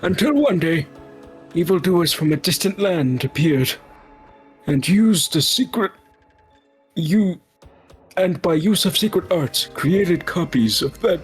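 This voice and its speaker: A woman playing a slow, rambling old man. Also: on the low side, animated, faint music behind. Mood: solemn storytelling. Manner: slow, meandering storyteller. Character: rambling forgetful old man, elderly sage. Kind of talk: reading a game's dialogue aloud in character.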